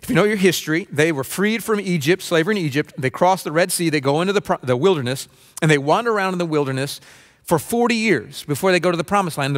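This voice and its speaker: Man in his forties, pastor, earnest conversational sermon, fairly high voice, lapel mic. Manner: earnest, conversational preaching with repeated restarts and mimicked grumbling. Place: dim stage with spotlights, seated at small table.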